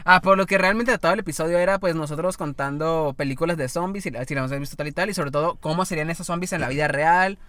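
A man's voice: fairly high pitch, fast, few pauses, bright, forceful tone, no room sound. A young man with a Mexican accent, co-hosting a casual podcast in a rambling, crude and easily amused way. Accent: Mexican Spanish. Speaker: podcast co-host. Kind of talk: casual chat.

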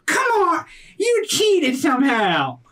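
A man's voice: extremely high pitch, wildly swooping pitch, slow pace, pushed and bright, pitched above the performer's own voice, exaggerated voice. A man voicing a sulky athletic boy, an indignant sore loser, in a tabletop game.

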